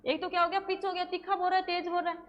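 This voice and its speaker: High-voiced woman teacher drilling notes. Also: little pitch movement, highs cut off. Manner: drills students with repeated questions and answers; slows right down to dictate English terms word by word. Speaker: nursing exam coaching teacher. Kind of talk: classroom lecture, dictating notes.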